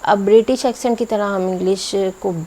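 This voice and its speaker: A woman whose first language is Urdu, teaching a spoken English lesson and slowing down to spell out example words one by one. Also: mid-range voice, steady tone, a little mellow, low-quality recording. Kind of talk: explanatory video lesson.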